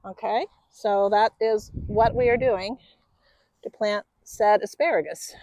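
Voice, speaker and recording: A woman hosting a gardening video outdoors, explaining her planting in a relaxed, chatty way. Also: medium pitch, unhurried, no echo. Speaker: gardening channel host. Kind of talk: casual how-to gardening talk. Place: outdoors in a garden bed in a grassy field.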